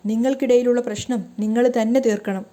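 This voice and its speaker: A woman's voice: on the high side, steady tone, fast, warm tone, lightly acted. A woman voicing a firm, blunt middle-aged mother.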